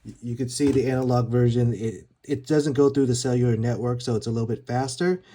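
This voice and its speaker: A man reviews gear in a casual product demo, talking conversationally and rambling a bit as he explains things along the way. His mid-range voice is warm and steady, and he speaks briskly.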